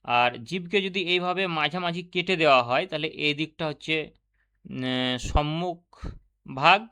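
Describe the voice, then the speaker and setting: A man's voice: fairly high pitch, moderate pace, pushed and bright, clear, resonant tone. A man teaching Bengali grammar for a teacher exam, explaining step by step and asking and answering his own questions. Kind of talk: online exam-prep lesson.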